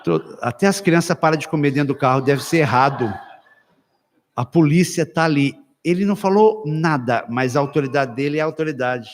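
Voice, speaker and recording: A Brazilian man preaching to couples at a church retreat, telling stories with acted quotes and sudden loud bursts. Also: on the high side, brisk. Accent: Brazilian Portuguese. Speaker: pastor. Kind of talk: lively sermon at a couples' retreat. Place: church hall. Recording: reverberant church hall.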